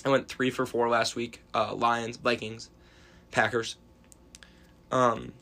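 A man's voice: mid-range voice, little pitch movement, slow, sharp tone. A young American man hosting a casual sports betting chat, talking like a frat bro with slang, swearing and banter. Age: young adult. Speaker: sports betting podcast host.

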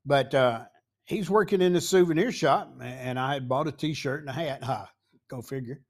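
A man in his sixties or older with a Tennessee accent, a podcast host telling a rambling, folksy story full of pauses and asides. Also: mid-range voice. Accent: Southern US, Tennessee. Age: 60s or older. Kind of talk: casual storytelling.

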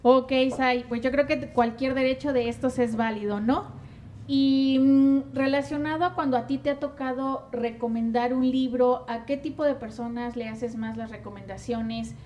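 A woman hosts a relaxed conversation. Her tone is mellow and warm, and she speaks in a slightly high register while asking easygoing questions and agreeing with her guest. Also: normal speed, muffled recording, a little hiss or hum. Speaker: host. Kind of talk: casual chat.

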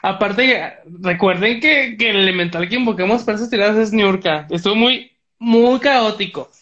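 A woman's voice: mid-range voice, normal speed, a bit bright. Chatty woman on a dull remote line. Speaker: podcast co-host. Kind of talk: casual chat.

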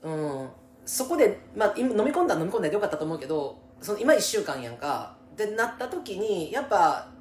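A woman's voice: medium pitch, sing-song, fairly quick. A woman with a Kansai accent chatting casually as a co-host giving advice, empathetic and emphatic, often chiming in with agreement. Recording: echoey room with faint background noise.

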